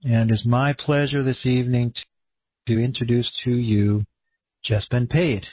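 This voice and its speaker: Male conference-call host, Maine accent, husky voice, laid-back rambling delivery, dull lo-fi recording. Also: medium pitch, fairly even intonation, unhurried, no echo. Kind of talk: casual, rambling online presentation. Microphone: online conference room call. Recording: dull, muffled lo-fi audio.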